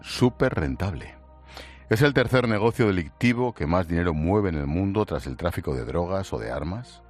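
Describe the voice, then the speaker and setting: A man's voice: low voice, animated, moderate pace, soft background music. A male radio presenter with a Spain Spanish accent, reading news narration and asking earnest, pointed questions. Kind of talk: scripted news narration and interview.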